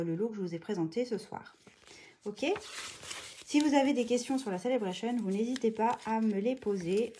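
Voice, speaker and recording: A woman hosting a live craft tutorial, chatting casually, greeting viewers by name and filling pauses with hesitations. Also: medium pitch, dark tone, slight background noise. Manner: chatty, greets viewers by name mid-sentence, many fillers.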